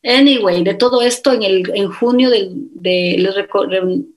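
A woman's voice: mid-range voice, a little slow. Middle-aged woman telling her story. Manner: conversational, with restarts and "eh" fillers. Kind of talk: personal storytelling in an interview.

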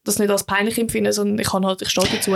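A young woman with a Swiss German accent, co-hosting a casual chat podcast and telling stories in a lively way, acting out the voices she quotes. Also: medium pitch, quick pace, gravelly. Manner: animated storyteller, acts out quoted voices. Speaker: podcast co-host.

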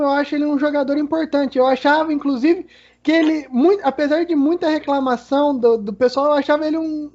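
A man with a Brazilian accent giving casual football analysis as a co-commentator. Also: darkish tone. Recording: dull, low-fidelity audio.

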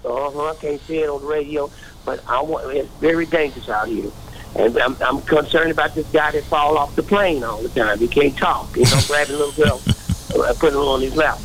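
A man's voice: fairly high pitch, fairly quick, a bit bright, a little hiss or hum, poor audio. An older man calling in to a radio show by phone, talking in an earnest, rambling, preachy way. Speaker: caller. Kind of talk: casual radio call-in. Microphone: phone call.

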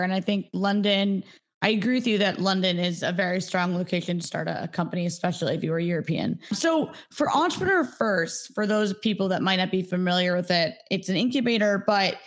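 Woman host asking interview questions. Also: mid-range voice. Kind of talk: interview conversation.

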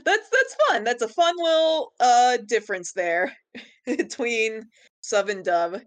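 A woman's voice: on the high side, expressive, takes it slowly. A woman co-hosting a podcast in loose, casual chat. She laughs often and leans on fillers and restarts as she recaps an episode with her co-host.

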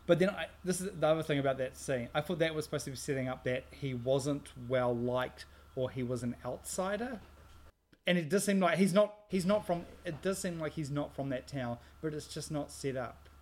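A man's voice: on the high side, fairly quick, darkish tone. A man co-hosts a podcast, picking apart a film in casual chat. He rambles animatedly, restarting sentences as he goes. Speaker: podcast co-host. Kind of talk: casual movie review chat.

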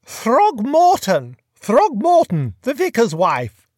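A narrator voicing an elderly dowager duchess who gossips slowly and emphatically on the telephone, in an audiobook. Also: medium pitch, wildly swooping pitch, darkish tone, no room sound, studio quality, pitched above the performer's own voice, heavily acted. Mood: gossiping. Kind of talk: audiobook dialogue.

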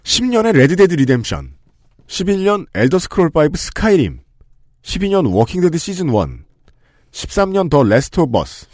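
Lively man hosting a game podcast. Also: a little high, moderate pace, no echo, clean studio sound. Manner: lively, joking, reads lists with asides and laughs. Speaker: podcast host. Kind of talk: casual podcast talk with scripted segments.

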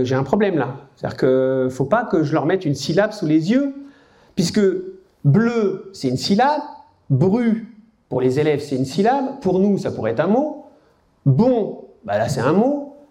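A man with a French accent giving a lively, conversational lecture to an audience as a teacher trainer. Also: on the high side. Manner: conversational, lively, frequent "hein" and "bah".

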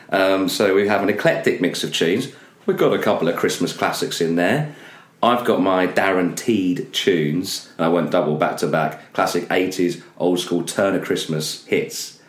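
A man co-hosting a casual radio show, rambling and playful and often laughing. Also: low voice. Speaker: radio co-host. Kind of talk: casual jokey banter. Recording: roomy studio echo.

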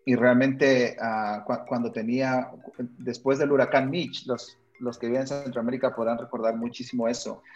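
A man's voice: medium pitch, little pitch movement, moderate pace, a little mellow, highs cut off, soft background music. A young man from Honduras with a Honduran accent, a missionary telling his personal story in a radio interview, hesitant, with frequent fillers and tag questions. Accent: Honduran Spanish. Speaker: missionary guest.

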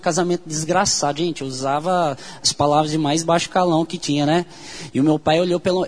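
A man with a Brazilian Portuguese accent gives an earnest, emotional personal testimony, full of halting restarts. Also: a little high, breathy edge. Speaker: speaker giving a testimony.

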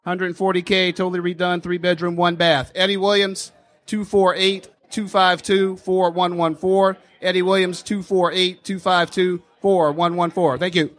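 A man enthusiastically pitching renovated properties at an investors' meeting, with frequent fillers. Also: flat delivery, normal speed, fairly bright tone. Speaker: real estate seller pitching properties.

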